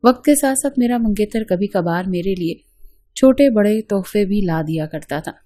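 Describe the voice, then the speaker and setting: A woman narrates a first-person story at a steady, even pace. Her voice is mellow and soft and has a husky, breathy edge. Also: mid-range voice.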